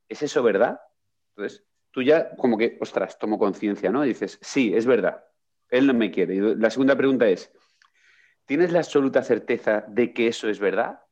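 A man in casual conversation, recounting a book and acting out its questions with lively energy. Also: fairly low pitch. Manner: animated storyteller, acts out quoted questions. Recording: dull lo-fi sound.

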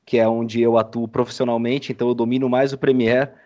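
A Brazilian man with a Brazilian accent speaks in a mid-range, slightly mellow voice, keeping an even tone and a somewhat quick pace. He's a podcast guest and audiodrama editor, chatting casually in an interview as he explains his editing work.

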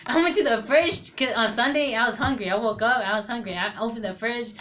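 A young man co-hosting a casual podcast tells a story in loose slang, swearing freely. His very high voice is brisk, pushed, and bright, and the recording is a noisy home setup.

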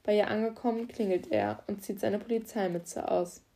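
Woman, audiobook narrator, calm even storytelling, mellow warm voice, mid pitch. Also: normal speed. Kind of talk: scripted narration.

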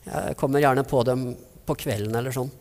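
A man's voice: medium pitch, a little mellow. A man preaching a sermon, retelling stories vividly and acting out the people in them. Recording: long reverb of a large hall.

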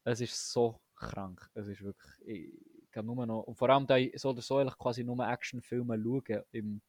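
A man's voice: medium pitch, steady tone, normal speed, no room sound. A young man co-hosting a casual podcast chat, talking eagerly with slang and many restarts. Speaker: podcast co-host.

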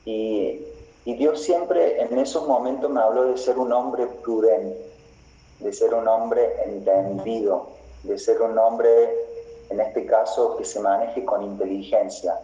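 Slow, dark-voiced preaching pastor. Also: male voice, on the low side, steady tone. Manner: slow, deliberate preaching with repeated phrases. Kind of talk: sermon. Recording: roomy, slightly dull recording.

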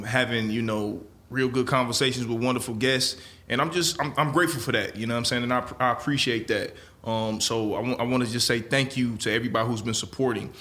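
A man hosting a casual podcast in a bright, forward voice. He talks in a laid-back way, leans on easy filler phrases and keeps his pitch in a middle range. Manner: laid-back, repeats "man" and "you know what I'm saying". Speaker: podcast host.

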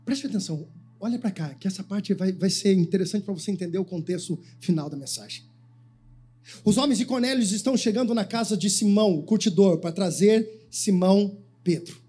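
A man's voice: sits high, brisk, dark tone, breathy edge. A man preaching a sermon as pastor, giving the congregation commands to repeat after him. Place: church.

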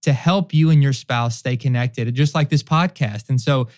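A man's voice: mid-range voice, normal speed, darkish tone. A man co-hosting a podcast on marriage, talking earnestly in a casual way and acting out quoted voices. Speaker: podcast co-host.

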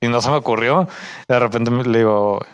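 Telling a work story in a casual way, a young Mexican-accented man gets animated, using Mexican slang and shouting out his coworkers' lines as he plays them. His voice is medium-pitched and brisk, with a clean tone. There's no echo, and the highs are cut off.

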